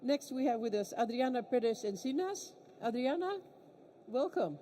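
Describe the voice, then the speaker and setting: A woman's voice: fairly high pitch, lively intonation, moderate pace, mellow, a little hiss or hum. A woman hosting a conference, introducing the panelists in an upbeat, friendly way. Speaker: conference host. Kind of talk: stage introductions.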